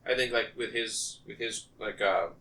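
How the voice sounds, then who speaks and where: A man co-hosting a podcast, chatting casually and getting animated when he acts out characters. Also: mid-range voice, normal speed, poor audio. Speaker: podcast co-host. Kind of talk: casual chat.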